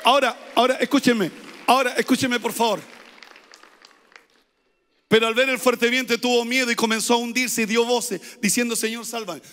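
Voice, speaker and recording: High, bright-voiced pastor preaching in a reverberant hall. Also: male voice, fairly even intonation, normal speed, pauses often, a little hiss or hum. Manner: emphatic, repeats phrases, rises to shouted pleas. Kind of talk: sermon.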